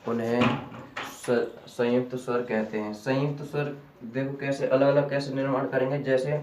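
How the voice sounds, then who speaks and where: A man teaching a grammar lesson slowly, repeating key terms back as questions to his students. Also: medium pitch, flat delivery, a little mellow, slight background noise. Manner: slow and deliberate. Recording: echoey room, voice from a distance.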